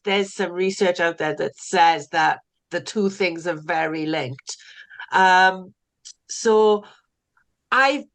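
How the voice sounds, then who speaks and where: A middle-aged recovery coach from South Wales, with a Welsh accent, chats casually as a podcast guest. Her medium-pitched voice is a bit bright, and she often repeats words when starting a thought.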